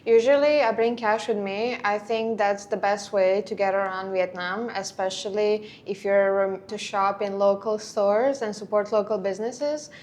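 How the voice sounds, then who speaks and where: A woman's voice: mid-range voice, fairly even intonation, normal speed, hardly any pauses, a little mellow, slight background noise. Friendly chatty woman from Serbia. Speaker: guest. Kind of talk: casual interview. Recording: music bed behind. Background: background music.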